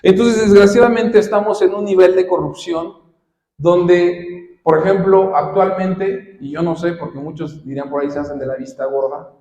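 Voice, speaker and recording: A male pastor with a Mexican Spanish accent delivers a conversational sermon, his voice sitting somewhat high for a man. He draws out the scripture readings slowly and deliberately. The sound carries the long reverb of a roomy church hall. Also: fairly even intonation, mellow. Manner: conversational preaching, slows down to read scripture.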